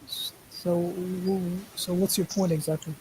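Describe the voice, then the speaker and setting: A man with a fairly high but soft, mellow voice joins a casual stream panel as a guest. He trips over his first words and repeats himself, then states his point with conviction, with a faint hiss under the call. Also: flat delivery, measured pace, rough recording. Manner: hesitant starts, repeats words, then speaks firmly. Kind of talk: casual online panel discussion. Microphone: voice call over a live stream.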